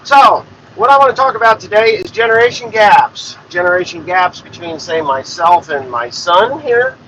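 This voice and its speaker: Farmer-host, man, forties, bright higher voice, rambling and blunt, muffled recording with faint engine hum. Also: expressive, moderate pace. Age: 40s. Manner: plain-spoken, rambling, swears freely. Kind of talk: casual rambling monologue.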